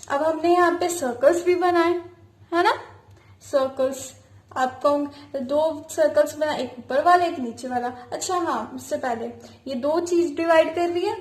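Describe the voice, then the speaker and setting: High-voiced woman teaching, echoey room. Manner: asks a question, then answers it herself, spelling out words letter by letter. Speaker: abacus teacher. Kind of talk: teaching with call-and-response questions.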